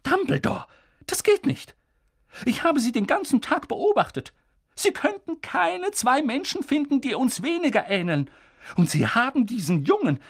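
A man voicing a stern, sharp-tongued elderly female witch professor in an audiobook reading, pushing his voice up high and insistent. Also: sing-song, normal speed, husky, exaggerated voice. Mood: agitated. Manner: insistent, agitated, high strained voice. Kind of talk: audiobook character voice.

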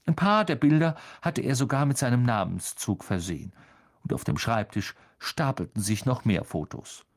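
A man reading an audiobook aloud in a calm, expressive way. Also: medium pitch, normal speed. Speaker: audiobook reader. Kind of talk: audiobook narration.

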